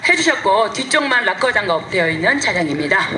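A woman's voice: medium pitch, big pitch swings, a little fast. A woman doing live motorsport commentary, announcing off-road race entries and chiming in with her partner. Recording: echoey PA sound, faint engine noise. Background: vehicle noise.

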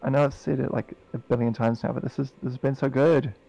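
A man co-hosting a casual podcast stream, chatting excitedly while watching a game, laughing and repeating himself often. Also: medium pitch, quick pace, creaky, highs cut off. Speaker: podcast co-host.

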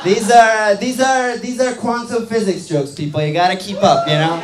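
A young Iranian man with a high voice does a stand-up set on a small comedy club stage before a loud live crowd, speaking at normal speed. He talks loosely into a handheld mic, packing in fillers and tag questions. The club sound is roomy.

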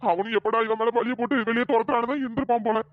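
A voice actor voicing a stern middle-aged cartoon father who reproaches his family, with a pitch-shifted voice. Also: steady tone, racing, no echo. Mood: resigned. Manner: reproachful, lecturing. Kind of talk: cartoon storytelling dialogue. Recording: dry, dull lo-fi sound.

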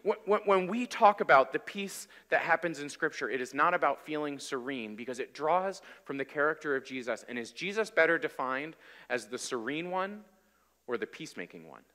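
A man in his thirties preaching a sermon from a pulpit, in a conversational, energetic way. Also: on the high side, fairly quick. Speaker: pastor. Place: large church hall, on stage at a wooden pulpit. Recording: reverberant church hall.

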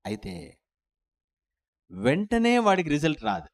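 A man's voice: a little high, huge pitch swings, a little slow, creaky. A male preacher delivering a dramatic sermon, acting out pleading voices and calling on listeners to repeat after him.

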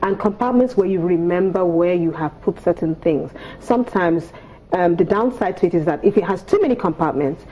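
Prim, precise Nigerian woman, lowish voice. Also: animated, a little fast, husky, highs cut off. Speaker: etiquette coach, studio guest. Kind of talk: explanatory talk on a TV morning show. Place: TV studio on a sofa set.

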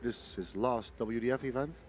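Chatty male darts co-commentator, medium pitch. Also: fairly quick. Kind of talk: chatty live sports commentary. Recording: faint venue noise behind.

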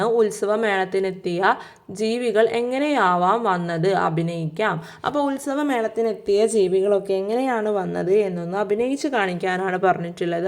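A woman's voice: medium pitch, a little mellow. Woman teaching young children. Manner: sing-song recitation of a poem, addressing children as friends. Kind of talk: children's textbook lesson.

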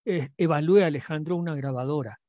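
A man's voice: a little high, brisk, warm tone, dry recording, muffled recording. Older man on a headset, earnest. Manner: earnest, explaining with many fillers. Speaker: guest parent. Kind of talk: casual video call chat.

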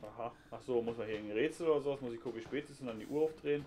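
A man's voice: mid-range voice, very fast, dark tone, a little hiss or hum. A man giving casual, joking running commentary while playing a horror game, recorded at home on a headset. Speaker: gameplay commentator. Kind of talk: casual let's-play chat.

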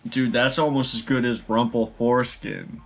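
A young man streaming a game, chatting casually with loud jokes and laughter. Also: mid-range voice, normal speed, gravelly. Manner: loud, laughing, joking, lively. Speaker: gaming streamer. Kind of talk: casual chat while playing.

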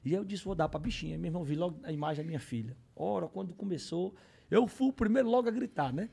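A man from Ceará with a Cearense accent, telling a story as a podcast guest, acting out quotes and shouted bids. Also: high-pitched, animated, quick pace, vocal fry, slightly rough. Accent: Cearense Portuguese. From Ceará, Brazil. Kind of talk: animated storytelling.

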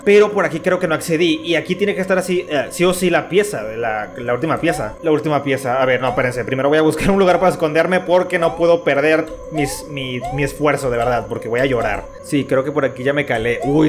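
A man's voice: on the high side, noisy background. A young man giving jumpy, panicky let's-play commentary to his viewers. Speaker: gaming YouTuber. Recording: music playing behind.

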